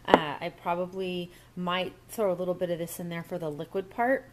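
A woman's voice: lowish voice, flat delivery, normal speed, very noisy. A woman walking through a recipe step by step in a casual kitchen demo at a home counter, recorded on the camera mic. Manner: chatty, step-by-step instructions. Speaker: cooking vlogger.

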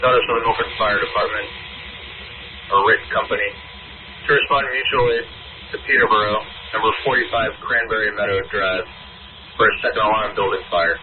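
A man's voice: on the low side, fairly even intonation, brisk. A man working as a fire dispatcher, making a formal, formulaic emergency radio announcement in police radio style. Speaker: mutual aid fire dispatcher. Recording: noisy narrow-band scanner radio.

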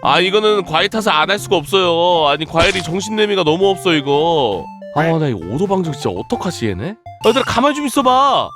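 A woman's voice: on the low side, lively intonation, a little fast, few pauses, music in the background. A woman streaming a casual game, giving playful commentary and scolding the game pieces as if they were children.

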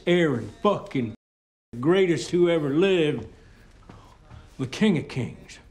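An actor playing a brash, sentimental, fatherly American zombie survivor in a film comedy, middle-aged, loud and folksy. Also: on the high side, animated, slow pace, a little hiss or hum. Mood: boastful, folksy.

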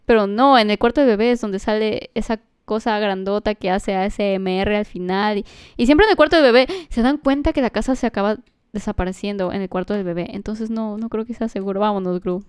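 A woman doing let's-play commentary, excitable, shrieking and gasping as she talks straight to her viewers. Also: medium pitch, a little fast, smooth, no echo, clean studio sound. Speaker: gaming streamer.

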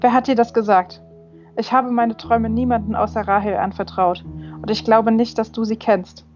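A woman's voice: on the high side, steady tone, normal speed, a little mellow, lightly acted. Woman voicing a wary young male angel. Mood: insistent. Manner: earnest, questioning. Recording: slightly dull with faint music.

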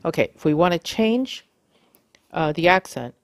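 A woman giving a casual how-to demonstration, talking haltingly with many fillers and self-corrections. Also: fairly low pitch, expressive, no room sound, studio quality. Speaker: video tutorial host.

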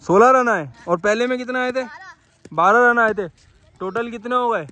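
At normal speed and in a very high voice, a young man from Pakistan commentates live on a street cricket game recorded by phone. His play-by-play on the dirt ground is excited and repetitive, punctuated by calls to the umpire.

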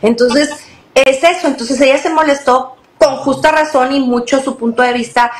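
A woman's voice: sits high, moderate pace. Earnest woman in an echoey room. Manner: earnest, repeats words and restarts often. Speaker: interview guest. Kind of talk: emotional storytelling interview.

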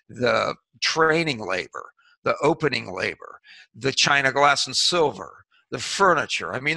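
In an interview, a middle-aged restaurant consultant and author explains things casually, wandering through fillers and false starts. His voice is mid-range, creaky and bright with a forceful tone, and the recording has no echo.

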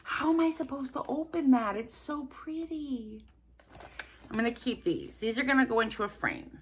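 A woman's voice: high voice, animated, normal speed, slight background noise. A woman vlogger chatting casually to camera while unboxing gifts, gushing and gasping over each one and rambling off into asides. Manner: rambling, jumps between asides. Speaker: vlogger opening subscriber gifts.

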